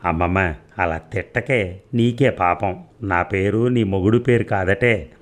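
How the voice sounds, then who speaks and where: A man's voice: deep voice, a little slow. A man voicing an impatient young grandson who bickers and teases sarcastically. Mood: teasing.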